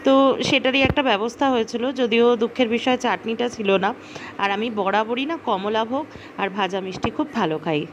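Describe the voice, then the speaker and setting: A woman narrating a vlog voice-over, describing a home meal in a relaxed, storytelling way. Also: fairly high pitch, fairly quick, highs cut off, background noise.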